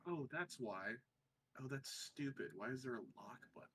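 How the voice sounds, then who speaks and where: A man's voice: mid-range voice, lively intonation, normal speed, a bit bright, slight background noise. A man sounding tinny and hollow, as if talking from inside a metal tin can, chatting casually with friends as a streamer and stumbling over restarts. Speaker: streamer in a tabletop game group. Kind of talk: casual chat among friends.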